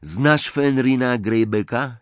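A man's voice: mid-range voice, takes it slowly, no echo, pitched above the performer's own voice, lightly acted. A man reading an audiobook, voicing a sneering, arrogant teenage boy wizard who drawls his threats. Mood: menacing.

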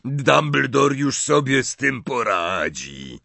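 A man's voice: medium pitch, big pitch swings, takes it slowly, creaky, pushed and bright, no room sound, voice pushed up, full character voice. A man voicing a huge, kind-hearted gamekeeper giant who talks in a rustic, folksy, blustery way. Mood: gloomy.

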